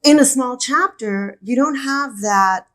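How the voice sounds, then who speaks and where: A woman's voice: high voice, takes it slowly. Emphatic woman on a business podcast. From El Paso, Texas. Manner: enthusiastic, emphatic, repeats key words. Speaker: podcast guest, regional director. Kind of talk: conversational podcast interview.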